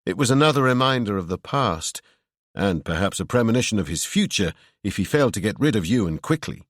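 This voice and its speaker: A man narrates a horror audiobook in a measured, brooding way. His voice is low but lively in melody, recorded dry and close to the mic. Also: dry recording.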